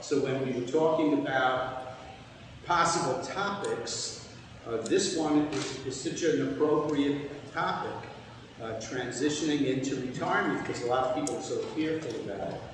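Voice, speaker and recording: A man's voice: medium pitch, normal speed. An older man from New York, chatty and joking, introducing a speaker to an audience. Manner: chatty, joking, brief laughs. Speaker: event host. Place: large hall with an audience. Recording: echoey hall, mic from far off, noisy.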